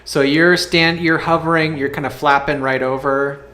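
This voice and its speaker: A man working as game master, narrating a tabletop game casually and haltingly as he thinks aloud. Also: a little high, steady tone, sharp tone. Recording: echoey room, faint music behind.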